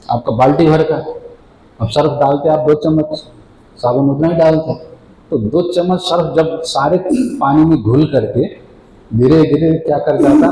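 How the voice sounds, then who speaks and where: A man giving a devotional sermon as a spiritual teacher, explaining patiently, asking questions and answering them himself, and slowly drawing out chanted words. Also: medium pitch, warm tone. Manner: chants the divine name slowly and drawn out. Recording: echoey room with faint ambient noise.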